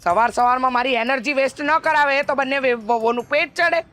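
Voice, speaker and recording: A woman acting a bossy, sharp-tongued mother-in-law in a family drama who scolds loudly and mocks. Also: high-pitched, brisk, faint music behind. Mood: scolding. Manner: scolding, loud, mocking.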